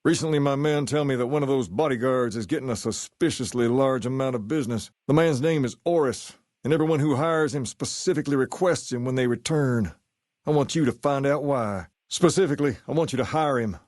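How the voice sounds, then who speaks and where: A man playing a self-assured, folksy gang boss in a video game, with a Southern US accent and a measured way of talking. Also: mid-range voice, darkish tone, no echo, clean studio sound, lightly acted. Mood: wry, businesslike. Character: charismatic, folksy male gang boss styled on a rock-and-roll idol. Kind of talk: video game character dialogue.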